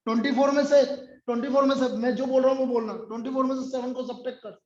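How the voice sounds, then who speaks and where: A man's voice: very high-pitched, flat delivery, racing, darkish tone. A man teaching a math class, scolding and sarcastic as he presses a student for answers. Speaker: math tutor. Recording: echoey room, dull sound.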